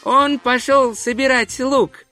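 Twoflower, a man doing a high meek tourist. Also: fairly even intonation, takes it slowly, bright, forceful tone, faint music behind, heavily acted. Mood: hesitant. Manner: overly polite, naive, careful. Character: Twoflower, meek, polite little male tourist.

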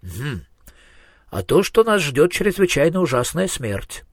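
A man's voice: a little high, sing-song, unhurried, no room sound, studio quality, exaggerated voice. Man doing an absent-minded genius inventor. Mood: grave. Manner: musing, thoughtful, trailing off with hums.

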